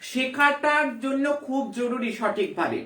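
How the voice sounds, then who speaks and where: A woman's voice: high-pitched, expressive, measured pace, sharp tone, roomy sound, recorded from a distance. A woman spiritual teacher, giving a devotional lesson emphatically, repeating herself and firing rhetorical questions.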